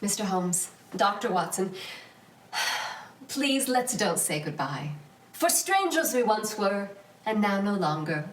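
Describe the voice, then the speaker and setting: A woman's voice: mid-range voice, big pitch swings, slow, long pauses, reverberant, distant mic, slight background noise. A woman playing a gracious, flirtatious Victorian stage actress who speaks in a sweet, theatrical way. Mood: gushing. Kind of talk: amateur online musical reading.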